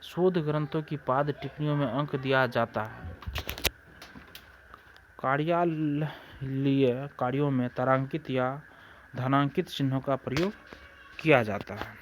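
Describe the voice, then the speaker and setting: In a mid-range voice at a measured pace, a man with a Bihari Hindi accent teaches exam-oriented grammar, leaving long pauses. A little hiss or hum sits under his repetitive delivery as he answers his own questions and keeps speaking to friends.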